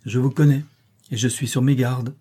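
A man reading aloud and voicing a passionate, tormented middle-aged gentleman, in an impassioned, pleading manner. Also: mid-range voice, fairly even intonation, normal speed, slightly rough, natural voice.

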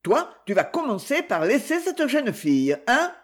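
A reader voicing a tall, calm, strong man who speaks placidly with quiet irony in an audiobook. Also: medium pitch, measured pace, voice pushed up. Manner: placid and ironic. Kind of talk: audiobook reading.

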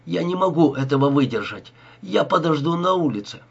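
A man's voice: on the high side, expressive, fairly quick, vocal fry, husky, lo-fi sound, heavily acted. A man voicing a cowardly accomplice who speaks in a shaky, timid voice. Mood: frightened. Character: cowardly frightened male accomplice.

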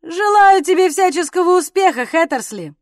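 A woman reading an audiobook voices a reckless drunken gentleman who calls out with mocking, boisterous laughter. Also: very high-pitched, animated, normal speed, no room sound, studio quality, voice pushed up. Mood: drunken glee.

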